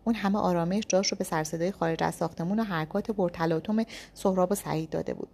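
A woman's voice: fairly low pitch, fairly even intonation, vocal fry, darkish tone. A woman reading a first-person thriller story aloud with tense, dramatic storytelling. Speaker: narrator.

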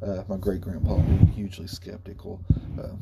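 A man's voice: deep voice, little pitch movement, normal speed, vocal fry. A man, telling a casual anecdote in a rambling, folksy, self-correcting way. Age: 40s. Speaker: storyteller. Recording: noticeable background hum and noise.

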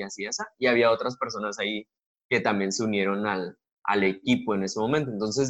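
Guest in a dull, lo-fi recording. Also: male voice, mid-range voice. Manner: relaxed, joking storyteller. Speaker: guest, comedian and TV worker. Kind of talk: casual interview chat.

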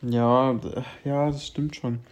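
Woman, extremely deep voice, teasing, laughs a lot, casual chat. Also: little pitch movement, slow pace. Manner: teasing, laughs often, drops to a quiet murmur. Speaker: co-host.

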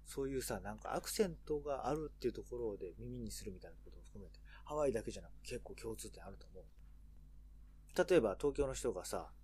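Fast-talking animated radio host man. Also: fairly low pitch, breathy edge. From Tokyo. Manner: fast, animated, puts on quoted voices and jokes. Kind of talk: casual radio chat.

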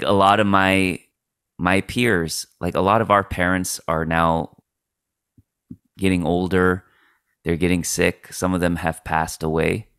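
A man's voice: sits low, fairly bright tone, clear, resonant tone, no echo, clean studio sound. A man in his late thirties co-hosting a faith podcast, reflecting aloud in a casual way with many fillers. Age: late 30s. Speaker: podcast co-host.

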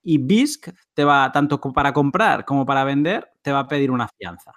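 A man's voice: medium pitch, expressive, moderate pace, fairly bright tone, dry recording, clean studio sound. A man hosting a casual talk, summing up points for listeners in a conversational way. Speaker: host.

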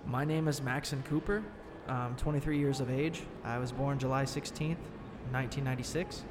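A man playing a defensive, shaken young man giving witness testimony in an audio horror story, informal and halting. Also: medium pitch, fairly even intonation, over music, lightly acted. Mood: matter-of-fact. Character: defensive, shaken 23-year-old male attack witness.

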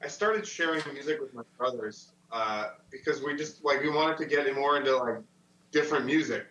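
A man's voice: mid-range voice, normal speed, fairly bright tone. A man in a band chatting enthusiastically over a video call, with stumbling restarts. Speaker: band member guest. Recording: distant, roomy, dull video call audio.

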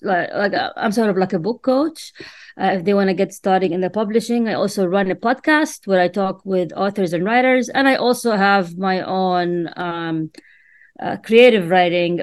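A woman's voice: medium pitch, clean tone, no echo. Woman from jordan, arabic first language, talks in stops and starts with lots of ums, dry sound. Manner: hesitant, many fillers and restarts. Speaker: author and writer, interview guest. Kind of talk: casual interview answers.

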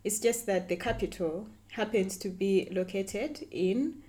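A woman's voice: mid-range voice, unhurried, dark tone. A woman from central Uganda with a Ugandan accent, a guest explaining casually, often repeating yes. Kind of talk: casual conversation.

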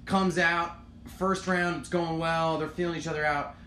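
Animated young man telling a story in an echoey room. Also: on the high side, moderate pace. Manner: animated storyteller, swearing, acting out shouts. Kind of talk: casual chat. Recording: echoey room with some noise.

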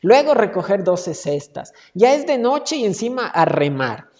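A man's voice: high voice, very animated, measured pace, a little mellow. A man preaching a dramatic sermon, often calling out to his brethren and acting out scripture. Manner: dramatic, calls "hermanos" often, acts out scripture. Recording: dull, reverberant hall recording.

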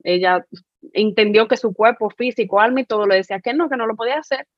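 A woman co-hosting a podcast, sharing personal reflections in a thoughtful, unhurried way with many fillers and restarts. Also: fairly high pitch, dry recording, muffled recording. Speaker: podcast co-host.

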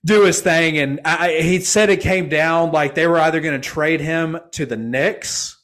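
A young adult man hosts a podcast of easygoing sports talk, his voice a bit higher than most men's, with a fairly bright tone and moderate pace. He rambles and restarts, leaning on fillers and slang.

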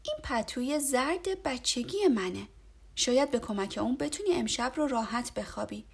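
A woman's voice: a little high, expressive, gravelly, slightly rough, full character voice. A woman voicing a tired father turtle in a storybook, speaking firmly and insistently. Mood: gentle. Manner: firm, insistent.

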